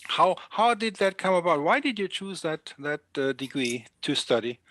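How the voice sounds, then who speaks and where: A German-native man with a fairly high voice interviewing a guest. He asks his questions hesitantly, with lots of fillers. The sound is dry and close. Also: very animated, moderate pace, a bit bright, no echo.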